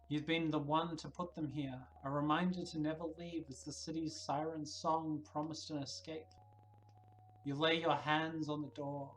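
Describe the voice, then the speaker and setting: A game streamer reading the narration aloud quietly during a livestream, breaking into lively asides to viewers. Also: medium pitch, low-quality recording.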